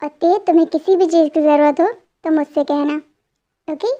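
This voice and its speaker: A young woman voicing a caring mother-in-law who fusses gently. The voice is very high, and the home recording is dull and lo-fi. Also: fairly even intonation, moderate pace, close to an everyday voice. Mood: gentle. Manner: gentle, fussing. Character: kind caring middle-aged mother-in-law.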